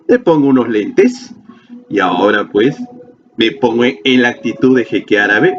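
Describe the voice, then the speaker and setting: A Peruvian man teaching a lesson in a playful style, asking questions and answering them himself. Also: lowish voice. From Peru. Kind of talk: classroom lecture video. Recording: slightly dull lo-fi sound with faint ambience.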